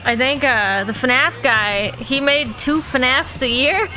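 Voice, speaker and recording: A woman on a casual podcast with a bright, sharp-edged voice pitched a little high. She teases the others and swears playfully, with faint music underneath. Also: slow, low-quality recording. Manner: teasing, jokey, swearing. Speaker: podcast co-host.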